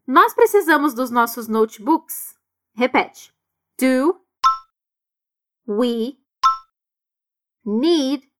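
With a high, fairly bright voice, this Brazilian teacher runs repeat-after-me drills for Portuguese speakers learning English. She explains grammar and carefully, slowly models each phrase.

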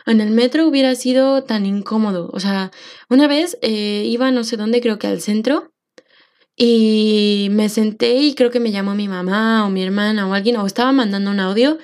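A woman's voice: mid-range voice, normal speed, a little mellow. A young woman with a Mexican accent, hosting a personal podcast and speaking reflectively, with fillers and restarts. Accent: Mexican Spanish. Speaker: podcast host.

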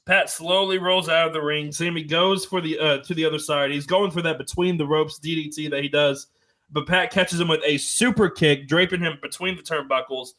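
An excitable man calls the action of a wrestling video game play by play. His voice sits a little high, and he trips over fillers and corrects himself as he goes. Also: normal speed, rough recording. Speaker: commentator.

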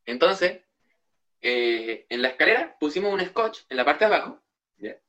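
A man's voice: fairly high pitch, very animated, normal speed, a bit bright. A young man with a Chilean Spanish accent, co-hosting a podcast and telling stories in a rambling casual way. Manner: rambling storyteller with restarts. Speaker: podcast co-host. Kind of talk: casual chat.

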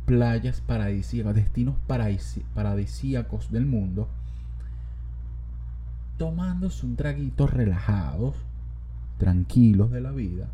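A man's voice: mid-range voice, expressive, a little slow, long pauses, mellow, muffled recording, slight background noise. A young man with a Venezuelan accent, hosting a podcast in a casual comedic monologue, joking, swearing and rambling as he talks. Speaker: podcast host.

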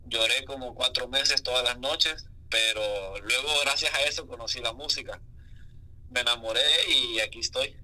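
A man's voice: medium pitch, steady tone, normal speed, pushed and bright, poor audio. A man with a Honduran Spanish accent, a music artist telling his story candidly in a casual interview.

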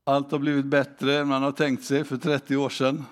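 A man preaching a sermon, asking the congregation direct questions and reading scripture aloud slowly and deliberately. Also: medium pitch, monotone. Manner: engaging, asks the congregation questions. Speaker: pastor.

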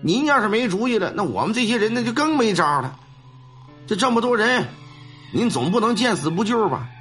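Guy doing a flustered hospital director, begging fast, kinda high. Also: very animated, a bit bright, soft background music. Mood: pleading. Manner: pleading, hurried. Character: anxious middle-aged male hospital director.

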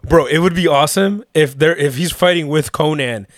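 Excitable young man, bright voice. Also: fairly high pitch, normal speed, no echo, clean studio sound. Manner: excited, laughing, slangy. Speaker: podcast co-host. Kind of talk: casual chat.

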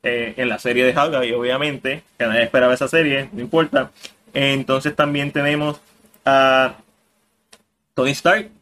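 A man's voice: mid-range voice, fairly even intonation, moderate pace, sharp tone, a little hiss or hum. Opinionated man on a podcast. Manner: opinionated, slips English words into his talk. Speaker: podcast co-host. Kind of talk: casual podcast chat.

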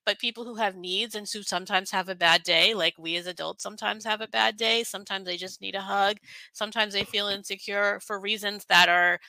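A woman's voice: medium pitch, steady tone, fairly quick, creaky, bright, forceful tone, no room sound, poor audio. A woman hosting a conversational interview, thoughtful and hedging with frequent fillers. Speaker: podcast host.

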